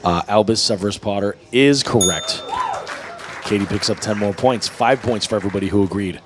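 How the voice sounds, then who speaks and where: A man's voice: lowish voice, a little fast, a crowd in the background, background noise. A man running a pub trivia night in a burger bar, reading questions to teams, laughing and teasing the players. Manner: lively, laughs often, teasing. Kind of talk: reading quiz questions to teams, casual banter. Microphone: microphone at a venue table. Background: music playing.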